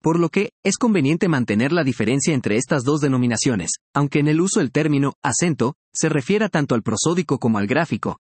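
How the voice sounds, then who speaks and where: A man reading a scripted language lesson in a measured, explanatory way, each word clearly pronounced. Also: a little high, animated, darkish tone, no room sound. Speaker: language teacher. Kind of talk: scripted educational narration.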